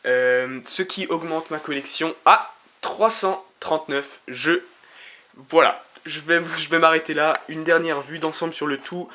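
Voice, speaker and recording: A man giving casual, enthusiastic unboxing commentary to his viewers, pausing often with hesitations and praising everything he shows. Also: on the high side, sharp tone, slight background noise. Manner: enthusiastic, keeps calling things magnificent, frequent hesitations. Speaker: YouTuber unboxing playing-card decks.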